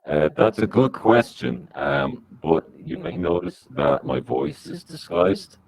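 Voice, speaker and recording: A man speaking through a disguised deep voice as a podcast guest, giving rambling, halting answers. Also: huge pitch swings, gravelly, crowd noise. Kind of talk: comic podcast interview.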